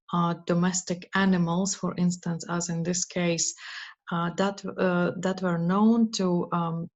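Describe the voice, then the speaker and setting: A woman giving an academic presentation, speaking slowly and carefully with frequent uh and um fillers. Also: lowish voice. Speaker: lecturer. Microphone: video call. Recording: dull, lo-fi online talk.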